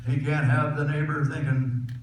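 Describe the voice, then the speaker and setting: A man's voice: a little high, level tone, moderate pace. A man with a cowboy twang recites folksy poetry to a live audience. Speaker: cowboy poet. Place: echoey room before a laughing audience. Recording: echoey hall from far off, loud noise.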